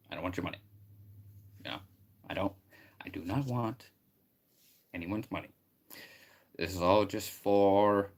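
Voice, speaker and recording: Low-pitched male streamer, excitable and rambling, loud greetings to chat. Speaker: live streamer. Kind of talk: casual live stream chat.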